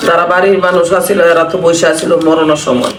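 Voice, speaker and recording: While she cooks, a Bangladeshi woman who vlogs reminisces mournfully and repetitively in casual chat. She speaks a little fast in a level tone with a fairly low pitch. The recording is roomy and distant, with faint noise.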